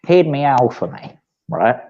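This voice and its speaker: A man's voice: mid-range voice, sing-song, slow, mellow, lo-fi sound. A man chatting casually on a stream, rambling and restarting his sentences.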